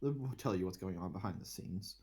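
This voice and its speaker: A man's voice: sits low, expressive, fairly quick, a little mellow. A man running a tabletop game as game master, teasing his players between calls for dice rolls. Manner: teasing, laughing banter.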